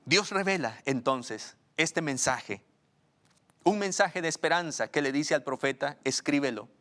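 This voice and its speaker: Brief: male pastor, fairly high voice, preaching with rising emphasis and slowed scripture reading. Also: lively intonation. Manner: preaching, swells loud and high on questions, slows for scripture. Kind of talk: sermon.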